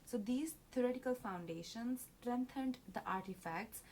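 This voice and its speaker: Woman, student presenter walking through slides, earnest and halting, faint hum behind. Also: a little high, a little mellow. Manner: earnest, with fillers and self-corrections.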